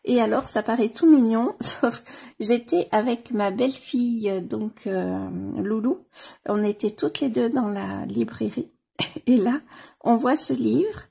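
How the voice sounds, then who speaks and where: A French woman talks about her books in a relaxed vlog, often pausing to search for words and restarting her sentences. Her voice sits a little high but has a husky, gravelly texture. She speaks slowly, with plenty of fillers along the way. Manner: hesitant, many fillers and restarts. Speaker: book vlogger. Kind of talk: casual chat about books.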